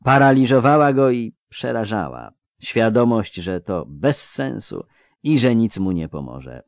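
A man with a low voice reads a story aloud, shaping each sentence with lively pitch. The recording is dry and close, with no room around it. His delivery is measured and expressive. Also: dry recording. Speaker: narrator. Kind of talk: audiobook reading.

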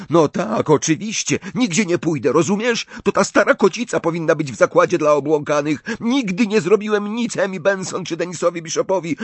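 A man's voice: medium pitch, slightly rough, no echo, pitched above the performer's own voice, full character voice. A man voicing a suspicious, commanding eleven-year-old orphan boy who flares into rage. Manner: imperious, quick to rage, hissing when awed.

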